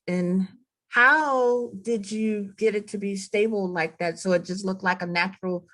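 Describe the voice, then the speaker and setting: A woman's voice: medium pitch, steady tone, unhurried, a bit bright, poor audio. A woman attending an online workshop who asks questions in a polite, tentative way over a video call. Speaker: workshop participant. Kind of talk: asking questions.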